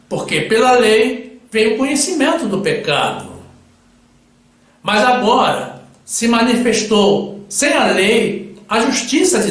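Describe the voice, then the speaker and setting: A man's voice: sits high, a bit bright. A male preacher delivering a solemn sermon with Bible readings, addressing his listeners as brothers. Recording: very echoey room.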